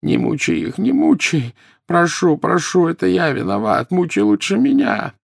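A man voicing an elderly male wizard in agony, wailing and begging in a high, strained voice, in an audiobook. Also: huge pitch swings, normal speed, creaky, no echo, clean studio sound, exaggerated voice. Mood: anguished pleading. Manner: wailing, pleading, shrieking high. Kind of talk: audiobook character voice.

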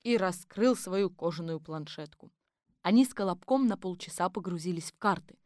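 A woman narrating a story in a steady storytelling manner. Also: on the low side, moderate pace, no room sound, clean studio sound. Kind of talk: audiobook narration.

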